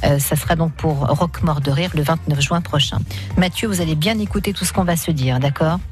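A woman's voice: low-pitched, a little fast, faint music behind. A woman hosting radio in a casual, chatty presenting style. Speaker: radio host. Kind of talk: lively casual radio chat and game presenting.

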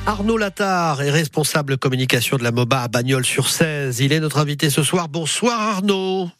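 A man's voice: a little high, lively intonation, moderate pace, over music. Upbeat male radio host. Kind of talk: radio interview.

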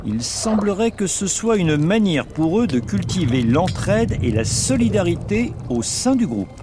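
Male nature documentary narrator, lively and dramatic delivery, slightly high voice, music underneath. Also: a little slow, noisy background. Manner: vivid, dramatic storytelling.

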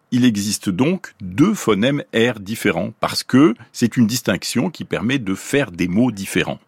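A man from Paris explains in a scripted radio talk, his lowish, slightly husky voice rising and falling with lively melody. He slows down carefully to sound out examples, recorded dry in a studio. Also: no room sound. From Paris, France. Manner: clear, lively teaching tone, slows to pronounce examples. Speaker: science columnist explaining linguistics.

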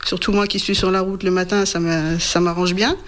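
A woman's voice: lowish voice, little pitch movement, a little fast, a little hiss or hum. A woman in her thirties from Burgundy, a radio listener answering shyly and briefly in a casual interview at home. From Burgundy, France. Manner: shy, hesitant, short answers. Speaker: radio listener being visited.

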